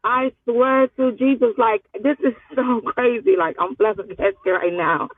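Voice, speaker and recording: A woman in her twenties from Louisiana calls in from a parked car, chatting casually in a flustered, evasive, slangy way. Her voice is a little high, a little slow, and breathy, with no room sound, though the call audio is muffled and phone-like.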